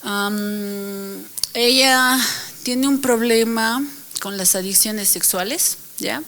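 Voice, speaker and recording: A woman's voice: mid-range voice, slow. Young woman telling a church testimony. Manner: lively storytelling with laughs and acted-out quotes. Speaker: church speaker and mentor. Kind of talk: personal testimony to a congregation.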